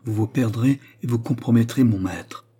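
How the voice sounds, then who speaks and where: Guarded servant, quiet measured delivery, male reader, dark tone. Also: slightly rough, close to an everyday voice. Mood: cautious. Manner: low, hushed and measured. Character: discreet German manservant, calm and guarded.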